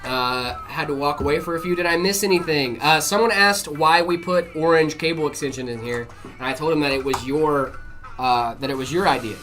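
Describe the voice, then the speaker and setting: A man's voice: a little high, a little fast. A man from North Carolina co-hosting a live stream, chatting casually and reading viewer messages aloud while building a PC.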